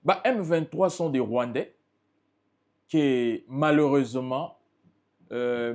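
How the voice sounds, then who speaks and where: A fairly high-pitched man with a darkish tone and a Congolese French accent appears as a guest in an interview, arguing emphatically and passionately as a political party spokesperson.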